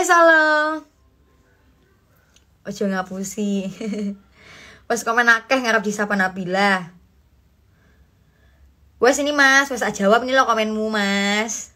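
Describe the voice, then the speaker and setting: On her casual phone livestream, a young woman from Indonesia chats and reads out viewers' comments in a lively, slangy style sprinkled with English. Her voice sits on the high side, and she talks unhurriedly, pausing often.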